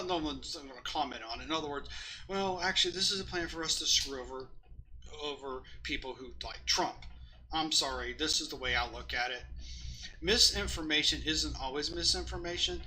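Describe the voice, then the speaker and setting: A man's voice: a little high, sharp tone, slight background noise, low-quality recording. A man giving cynical, sarcastic news commentary, swearing often and stumbling as he reads headlines aloud. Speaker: political commentary vlogger.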